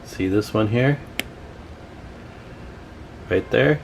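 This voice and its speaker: Working indoors at his workbench, the host of a radio repair channel chats to viewers in an informal, folksy way while he tinkers. His low voice is gravelly and very slow, and there's a little hiss or hum in the recording.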